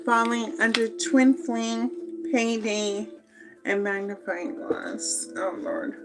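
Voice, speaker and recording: A woman giving a slow, meandering spoken tarot reading, with many fillers and pauses. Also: fairly high pitch, steady tone, music in the background, poor audio. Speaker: tarot reader.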